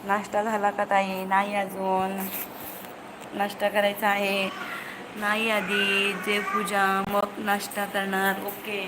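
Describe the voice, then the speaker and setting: A woman hosts a casual livestream from a window at home, greeting viewers by name and answering their comments. Her voice sits at a middle pitch and stays flat and even. Steady background noise runs under the phone recording. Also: takes it slowly. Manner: shows birds from her window and chats about them. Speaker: livestream host.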